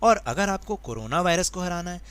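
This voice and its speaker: A man with a bright, ringing voice pitched a little high teaches a grammar worksheet. He goes patiently step by step and puts questions to his students. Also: animated, fairly quick, clear, resonant tone. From India. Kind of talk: worksheet lesson.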